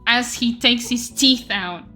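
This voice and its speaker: A woman narrating a tabletop game as game master in a casual, animated way. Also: fairly high pitch, slow, faint music behind.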